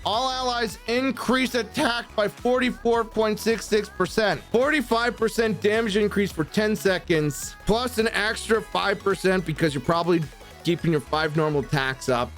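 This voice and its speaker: A young man with a notably high-pitched voice talks through a game tier list in a casual, blunt way. He reads out skill descriptions and reacts to them, swearing now and then, with faint music playing underneath. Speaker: gaming YouTuber ranking characters.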